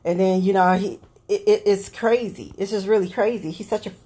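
A woman's voice: medium pitch, a little fast, warm tone, slight background noise. Blunt, exasperated woman ranting. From Cleveland area. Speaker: podcast host. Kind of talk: solo political rant podcast.

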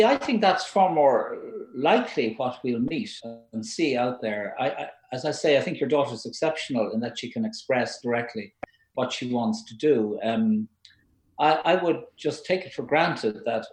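An older man with an Irish accent giving advice in a thoughtful, halting, conversational way. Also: medium pitch, darkish tone. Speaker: child psychology expert giving advice. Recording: roomy, echoing sound.

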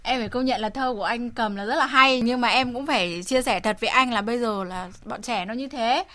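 A young woman appears as a guest writer on a radio talk show, chatting agreeably. Her voice is high and bright. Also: fairly quick, dry recording. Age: young adult.

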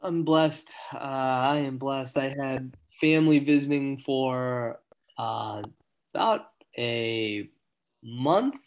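A man's voice: mid-range voice, slow, smooth, rough recording. A man co-hosting a casual faith podcast, easygoing and chuckling, talking over a video call. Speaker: podcast co-host.

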